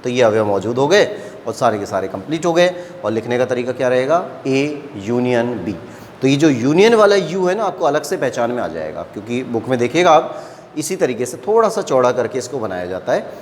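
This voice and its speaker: Male teacher with a lively voice and reverb. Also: medium pitch, brisk, a little hiss or hum. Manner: explains step by step, often checks understanding. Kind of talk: classroom maths lecture.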